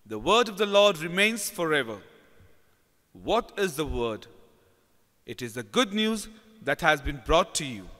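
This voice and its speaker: Male lector, higher-pitched, measured scripture delivery, long cathedral-echo reverb. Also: sing-song, pushed and bright. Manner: slow, measured declamation. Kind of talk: solemn scripture and psalm reading.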